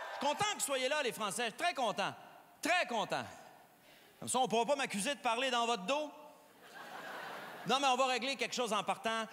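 A man with a Québécois French accent doing stand-up comedy at a gala, teasing the crowd with exaggerated bits. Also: very high voice. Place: large hall with live audience. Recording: reverberant gala hall, audience noise.

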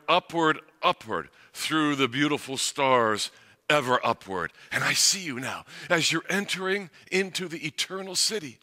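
A male pastor preaches in a slow, deliberate, lyrical cadence that swells and rises. His voice is bright and forward. It rings out with a long reverb through a large church hall. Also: mid-range voice. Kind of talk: sermon. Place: church sanctuary.

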